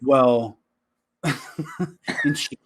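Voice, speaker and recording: A man's voice: medium pitch, drawn-out words, husky. A man co-hosting a casual podcast chat, loose and jokey, laughing often. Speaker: podcast co-host.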